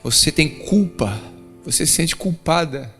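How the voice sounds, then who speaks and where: A man's voice: fairly high pitch, unhurried. A male pastor preaching a story-filled sermon, rising to emphatic peaks. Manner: animated, rises to emphatic peaks. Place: church. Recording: echoey church hall, soft music.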